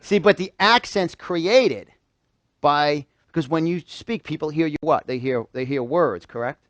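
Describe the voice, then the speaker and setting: A New Yorker gives a motivational seminar talk to a small audience in a live event room, speaking at a measured pace in a fairly high voice. Emphatic, he repeats phrases and throws questions at his listeners, captured in a dry recording.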